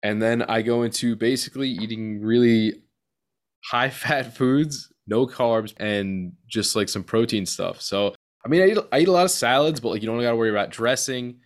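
A man's voice: mid-range voice, normal speed. A man hosting a podcast in casual, colloquial chat, talking like he's with a buddy. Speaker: podcast host.

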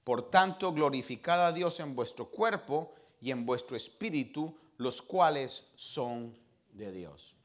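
A man preaching a sermon as pastor, swinging from loud emphasis to hushed tones and reading scripture slowly and emphatically. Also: mid-range voice, animated.

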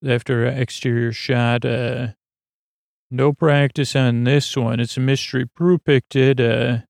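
A man hosting a sleep podcast, recapping a show in a meandering, halting way with many fillers and restarts. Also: medium pitch, little pitch movement, vocal fry, a little mellow, no room sound, studio quality. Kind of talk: rambling bedtime recap.

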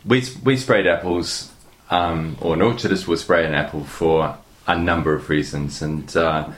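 A man's voice: deep voice, fairly even intonation, moderate pace. A middle-aged man with a New Zealand accent, a guest chatting hesitantly with many fillers and restarts. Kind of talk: casual interview talk.

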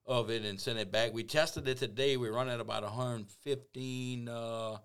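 A man's voice: mid-range voice, steady tone, moderate pace, a bit bright, clear, resonant tone. A man with a Cajun accent chatting casually as a podcast guest, folksy and joking, with salty language. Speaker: guest, online cooking personality.

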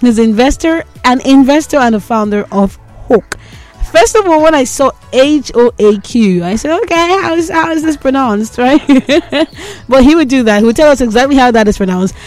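A woman's voice: on the high side, animated, moderate pace, a little mellow, faint music behind. A woman hosting a podcast interview in an informal, conversational way, checking in with "right?". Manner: informal, often adds "right?". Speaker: podcast host.

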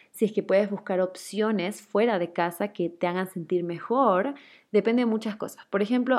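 A young woman from Guayaquil, Ecuador, speaks in a lowish, somewhat dark voice. She hosts a casual chat, answering listener questions with plenty of fillers and laughter.

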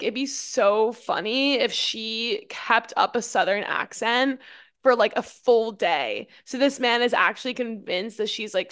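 A young woman co-hosting a podcast keeps the conversation moving with chatty asides and quick agreement. Her voice sits a touch high. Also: fairly bright tone, clear, resonant tone. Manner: chatty, adds details, frequent agreement. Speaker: podcast co-host. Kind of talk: casual chat.

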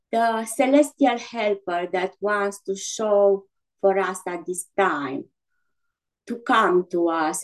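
Slow-paced woman guiding a sleep-story style meditation. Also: medium pitch, low-quality recording. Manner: soothing, halting delivery with gentle instructions and repeated breathing cues. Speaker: guided meditation leader. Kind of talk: unscripted guided relaxation meditation, like a sleep story narrator.

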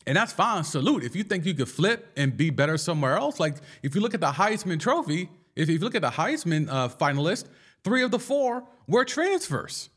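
A man hosting a casual sports podcast, talking in an animated and slangy way and firing off rhetorical questions. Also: a little high, fairly quick. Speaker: podcast host.

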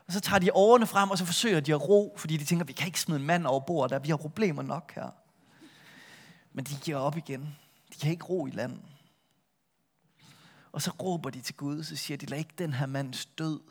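A middle-aged pastor with a medium-pitched voice retells a Bible story during his sermon. He moves lively between a full voice and a soft hush.

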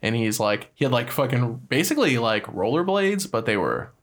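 A man with an average-pitched voice chats casually as a co-host. He rambles through his thoughts in loose, slangy, sometimes profane language. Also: very animated, moderate pace. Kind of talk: casual chat.

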